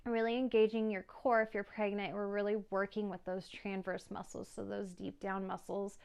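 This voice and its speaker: A woman yoga instructor calmly guiding a class through breathing and poses, with soft laughs between cues. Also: medium pitch, normal speed, vocal fry, clear, resonant tone.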